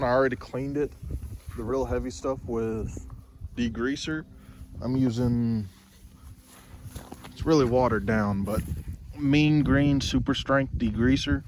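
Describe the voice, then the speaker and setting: A plain-spoken man talks through a do-it-yourself job in a loose, rambling way, restarting sentences and correcting himself as he goes. His voice sits at an ordinary middle pitch. He is recorded outdoors, with a faint hiss of outdoor noise behind him. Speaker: vlogger. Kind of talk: casual how-to vlog. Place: outdoors by a truck.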